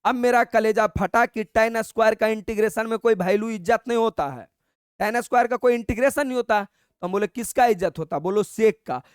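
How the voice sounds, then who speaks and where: High-voiced man teaching maths. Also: clean tone, no echo, clean studio sound. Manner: colloquial, coaxing, addresses students as brother; dictates steps slowly and repeats them. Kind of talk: exam-prep lesson.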